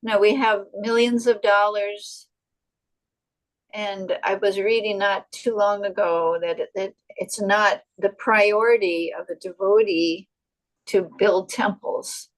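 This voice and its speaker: An older woman answering in an online devotional discussion, speaking haltingly with restarts. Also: mid-range voice, steady tone, poor audio. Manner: halting, with restarts and self-corrections. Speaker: guest answering questions.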